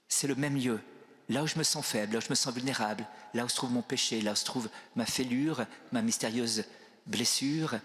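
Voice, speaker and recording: A man delivers a spiritual talk as a priest, telling stories and posing rhetorical questions, often restarting a phrase. His voice is of middling pitch. The large basilica adds a long trailing reverb. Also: a bit bright.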